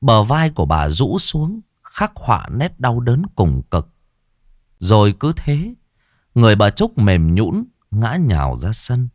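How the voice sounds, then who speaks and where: A man's voice: lowish voice, big pitch swings, a little slow, a little mellow, no echo. A man reading a ghost story aloud in a dramatic, mournful storytelling manner, close to the mic. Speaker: narrator. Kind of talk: scripted ghost-story narration.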